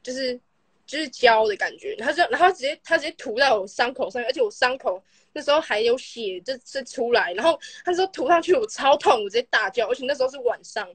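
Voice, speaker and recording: A woman's voice: high-pitched, lively intonation, quick pace, husky, no echo. A woman telling a childhood story on a live stream, rambling and stringing clauses together with constant fillers. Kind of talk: casual storytelling.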